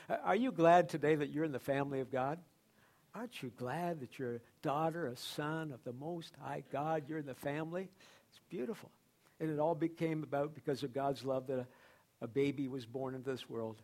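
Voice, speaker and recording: A male pastor preaching a sermon, emphatic, repeating phrases and swinging between loud declarations and quiet asides. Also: a little high.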